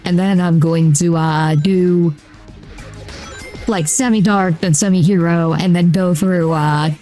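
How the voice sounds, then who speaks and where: Faint music plays behind a streamer who talks slowly in a mid-range voice run through a voice changer. It's casual gameplay commentary, loose and relaxed, rambling with lots of "uh" and "like" fillers.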